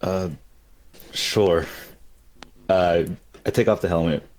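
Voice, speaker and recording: A man's voice: low voice, fairly even intonation, slow, a little mellow, low-quality recording. A man playing a tabletop game, chatting casually and describing what his character does.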